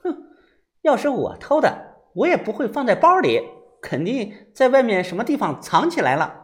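A man voicing a sharp-tongued young woman in an audiobook, dry and needling. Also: very high voice, sing-song, a little fast, pitched above the performer's own voice. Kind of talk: audiobook character voice.

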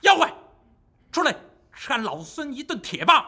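A man voicing a sly, mocking male monkey king in a traditional storytelling performance, teasing and barking sharp shouts. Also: very high-pitched, big pitch swings, a little slow, heavily acted. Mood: fierce.

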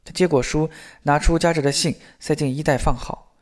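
A man narrating a novel aloud in a steady, measured storytelling manner. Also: fairly high pitch. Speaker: audiobook narrator.

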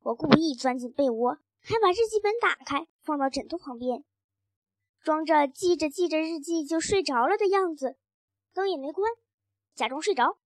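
A woman reading a children's story aloud in a lively, expressive first-person child's voice. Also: high voice, moderate pace, dry recording.

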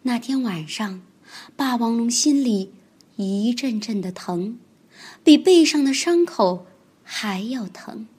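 A woman reading a children's picture book aloud, with expressive storytelling. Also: a little high, slow, slightly rough.

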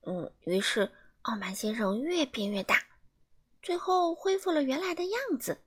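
A woman reading a children's storybook aloud in an animated way, asking the listeners questions. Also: sits high, normal speed, husky.

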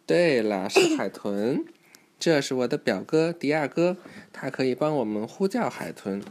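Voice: medium pitch, huge pitch swings, a little slow, darkish tone. A parent reading a children's story aloud to a child, in an instructive way with questions to the listener.

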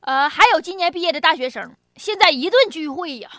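A woman's voice: sits high, lively intonation, fairly quick. A woman with a Northeastern Chinese accent hosts a comic monologue in a chatty, folksy manner, telling jokes and anecdotes. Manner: chatty, folksy, often chuckling. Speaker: comedy talk show host. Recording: music behind the voice. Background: music.

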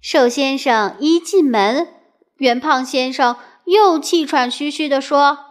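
A woman telling a children's storybook aloud, expressive and asking the listener playful questions. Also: sits high, slow pace.

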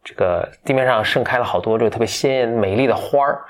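A man casually retelling a fairy tale to a friend, rambling with many fillers and self-corrections, playful and quick to get animated. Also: medium pitch. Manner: playful, gets animated and laughs. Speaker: storyteller.

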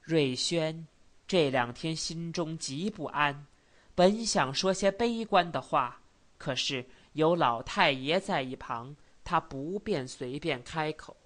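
A woman reads a novel aloud in steady, measured narration. Her voice is low for a woman and her pace unhurried. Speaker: audiobook narrator. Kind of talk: scripted narration.

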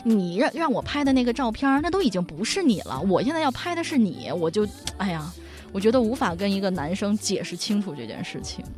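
A woman's voice: mid-range voice, big pitch swings, a little fast, darkish tone, faint music behind. A woman co-hosting a podcast, telling comic stories about her husband. She sounds exasperated and mock-complaining, and she laughs often. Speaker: podcast co-host. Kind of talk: casual chat, comic storytelling.

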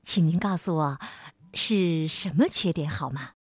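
A woman voicing a perfectly polite, gracious gentleman in a children's story, speaking softly and courteously. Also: deep voice, measured pace, slightly rough, no room sound, studio quality, voice pushed down.

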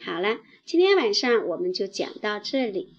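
A woman teacher telling a bedtime story to children, slow and gentle with lively storytelling. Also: medium pitch, husky, highs cut off.

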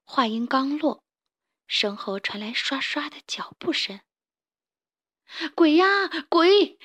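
A woman narrating a children's story in a gentle, clear storytelling voice. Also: fairly high pitch, measured pace, no room sound.

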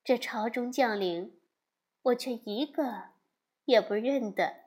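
A woman voicing a soft, demure empress. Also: on the high side, lively intonation, takes it slowly. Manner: soft and meek.

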